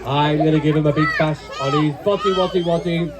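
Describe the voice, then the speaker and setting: A puppeteer voicing Judy, a scolding puppet wife, shouting out to the children at a live outdoor show. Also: mid-range voice, steady tone, fairly quick, close to an everyday voice. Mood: threatening. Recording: loud crowd and noise, live outdoor show. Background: shouting children in the audience.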